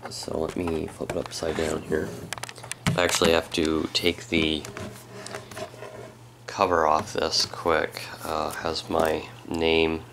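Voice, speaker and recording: A man who is a bit sick, giving a casual, halting walkthrough of his laptop as a tech vlogger. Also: extremely low pitch, monotone, background noise. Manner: halting and unhurried, with frequent pauses. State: sick, with a slightly strained voice. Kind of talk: casual hands-on product walkthrough.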